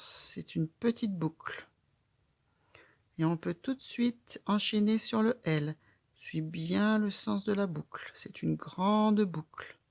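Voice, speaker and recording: Low-voiced lady teacher, slow and patient, talks a kid through each letter, dry close sound. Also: creaky, no echo. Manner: patient, calm, guiding a child stroke by stroke. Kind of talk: slow step-by-step handwriting lesson.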